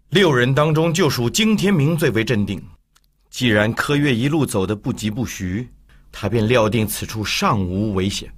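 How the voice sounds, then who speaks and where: A man narrating an audiobook in an expressive storytelling manner. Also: lowish voice, slightly rough. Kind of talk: scripted narration.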